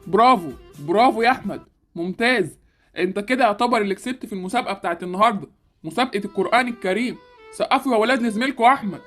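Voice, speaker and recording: Woman as approving Egyptian headmaster in a game cartoon, mid-pitched, racing delivery. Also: racing, faint music behind, lightly acted. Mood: proud, congratulatory. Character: proud, generous male school principal. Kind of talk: amateur game-animation story acting.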